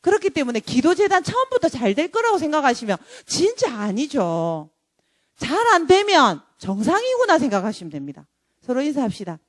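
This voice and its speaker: A woman preaching a sermon in a lively, joking way, now and then acting out dramatic voices. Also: high-pitched, brisk, no echo, clean studio sound. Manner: animated, jokey, acts out dramatic voices.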